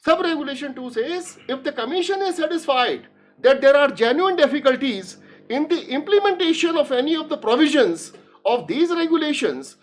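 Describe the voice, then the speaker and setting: A woman lawyer making a formal courtroom argument, reading legal text deliberately and emphatically, repeating key phrases. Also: high-pitched. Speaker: lawyer arguing before a judge. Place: courtroom live stream.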